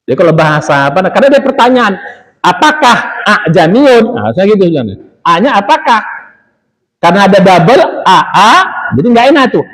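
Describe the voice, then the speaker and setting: A man's voice: sits high, very animated, fairly bright tone, rough recording. Male preacher teaching recitation. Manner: explains Quran recitation slowly, drawing out words, asks the audience questions. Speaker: Islamic preacher. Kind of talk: religious study talk.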